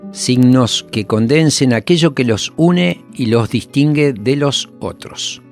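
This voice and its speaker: A man's voice: medium pitch, lively intonation, darkish tone. Male narrator, scripted and reflective, faint music bed underneath. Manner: measured, reflective, rhetorical questions. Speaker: documentary narrator.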